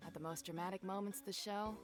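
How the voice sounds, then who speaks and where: An actress voicing a composed, proud adult female violinist in game dialogue, telling her story with measured, dry disdain. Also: medium pitch, fairly even intonation, music in the background, natural voice. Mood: wry. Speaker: violinist character.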